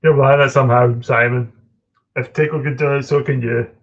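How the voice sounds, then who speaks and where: A Scottish man chatting casually on a live stream, answering viewers in a halting way with frequent ums and restarts. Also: medium pitch, steady tone. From Scotland. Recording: dull lo-fi stream audio.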